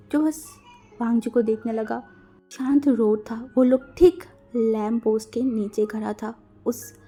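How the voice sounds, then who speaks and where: Young woman, fan fiction narrator, casual chatty storytelling, fairly high voice, faint background music. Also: warm tone.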